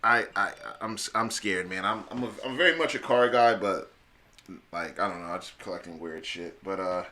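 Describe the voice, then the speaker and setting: Low-ish bright voiced dude hosting a chill podcast, slangy, laughs a lot. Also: male voice, moderate pace. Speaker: podcast host. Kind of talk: casual chat.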